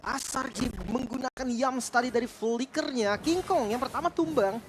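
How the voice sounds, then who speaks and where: A woman's voice: sits high, normal speed. Woman commentating esports over noise. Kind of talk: analytical game commentary, conversational. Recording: clearly noisy game broadcast.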